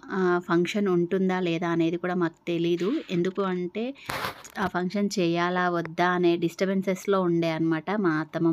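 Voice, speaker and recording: A woman's voice: on the low side, a little mellow. A young adult woman narrating her vlog in a chatty way, with many fillers. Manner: conversational, uses many fillers. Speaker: vlogger.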